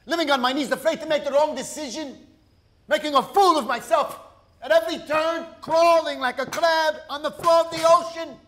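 An actor playing a proud, defiant middle-aged husband, shouting heatedly in a film drama family argument. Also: male voice, very high voice, fairly even intonation, normal speed. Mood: angry, defiant. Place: dining room indoors.

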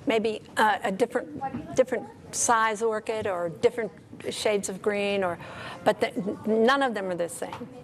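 An older woman talking as an interview guest, explaining things in a hesitant, halting, unscripted way. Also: mid-range voice, crowd noise. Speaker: guest porcelain painter and teacher. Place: TV studio desk, indoors. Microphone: lapel mic.

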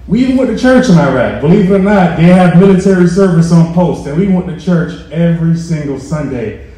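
A man in his thirties gives a heartfelt personal talk, rising to forceful emphasis at key moments. His voice is warm and dark. It carries through a big, boomy meeting room, picked up from some distance with faint room noise behind. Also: expressive, brisk, very echoey. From Rochester, New York. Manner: earnest, building to emphatic peaks. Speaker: veteran speaker. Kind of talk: personal story speech. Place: large hotel meeting room, indoors. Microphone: handheld mic heard from far off.

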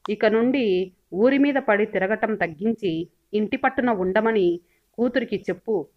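A stern village father lays down the law in a firm, dismissive way, as a woman reads him in an audio story. The voice sits at a middle pitch. The recording is dull and lo-fi. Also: unhurried, close to an everyday voice.

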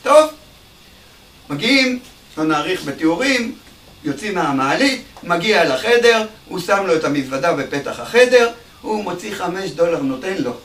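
A male rabbi giving an animated ethical sermon in a study hall, sometimes raising his voice to a shout. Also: on the high side. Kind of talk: sermon with a parable. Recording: echoey room, distant mic, faint hum.

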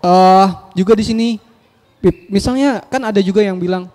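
A man's voice: high-pitched, moderate pace, dark tone. A man moderating a casual Q&A with a preacher, hesitant and fumbling, with long hall reverb. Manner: hesitant, fumbling, laughs at himself.

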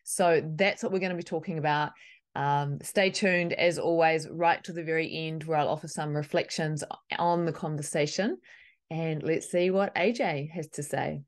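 A woman's voice: deep voice, normal speed. A woman hosting an interview podcast over a video call with a headset, asking curious questions. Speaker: podcast host. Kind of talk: interview host.

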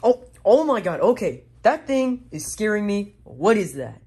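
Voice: mid-range voice, very animated, normal speed, slightly rough. A performer voicing Mario as a sleepy grown man who is easily spooked and who bickers and complains, in a homemade comedy skit with toys. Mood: scared.

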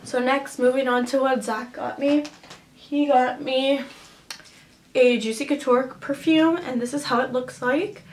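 A woman's voice: high voice, steady tone, a little slow, a little hiss or hum. Chatty young woman in an echoey room. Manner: chatty, upbeat, many "like" and "um" fillers. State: has a cough drop in her mouth. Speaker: vlogger. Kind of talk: casual haul chat. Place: at home, indoors.

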